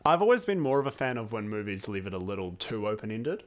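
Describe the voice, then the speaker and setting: A man co-hosting a podcast, talking over film details in a thoughtful, measured way and often answering with short agreements. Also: on the low side, very animated. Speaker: podcast co-host. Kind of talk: casual film discussion.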